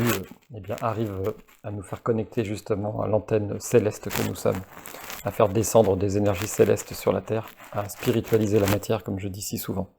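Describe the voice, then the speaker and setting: Man, spiritual monologue; low, dark, hesitant delivery with frequent restarts. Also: creaky, a little hiss or hum. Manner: halting, many fillers and restarts; reads a text slowly, then talks freely. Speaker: spiritual video maker.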